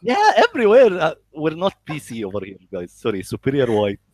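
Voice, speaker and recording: Slightly high in pitch and swinging hugely up and down, a man's voice with an Egyptian accent jokes and swears in blunt casual conversation. He stammers often, halting over the starts of words, on a dry recording.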